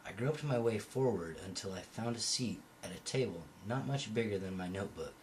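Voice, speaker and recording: A man with a lowish, darkish voice reads a novel aloud expressively and a little fast, as an amateur. He occasionally trips on a word and fixes it, and faint background noise from his home setup can be heard.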